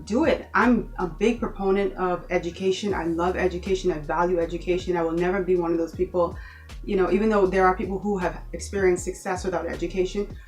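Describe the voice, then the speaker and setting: A woman from the Bahamas speaks to her viewers in a somewhat low voice, earnest and encouraging. She drives her points home by repeating them. Faint music plays under her talk. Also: steady tone, fast talker, a little mellow. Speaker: vlogger. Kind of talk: motivational talk to camera.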